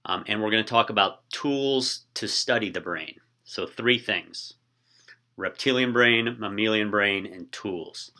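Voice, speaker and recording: A man teaching a recorded class in a relaxed way, often pausing with ums and uhs. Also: fairly low pitch. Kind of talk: casual classroom lecture.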